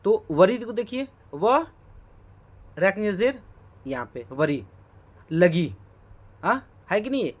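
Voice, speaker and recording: This exam-prep lesson on Urdu poetry comes from a teacher whose voice sits high and fairly bright. He explains poetry terms, questions himself rhetorically, checks in with "okay" and spells words out one letter at a time.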